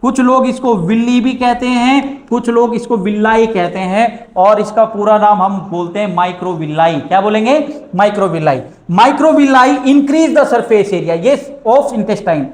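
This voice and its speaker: High-voiced Indian male science teacher. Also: darkish tone. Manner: asks questions and answers them himself, calls students "beta"; reads English lines slowly. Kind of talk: classroom lecture. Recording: echoey room.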